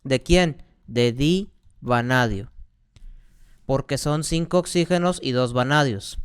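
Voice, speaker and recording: A man's voice: medium pitch, slow, smooth. A man, a chemistry teacher patiently explaining exercises step by step and asking rhetorical questions. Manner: patient, repeats key points, asks rhetorical questions.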